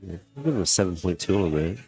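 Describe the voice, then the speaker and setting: A man giving casual live commentary on a pool match, laid-back and halting, often restarting his sentences. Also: low-pitched, lively intonation, darkish tone, faint music behind.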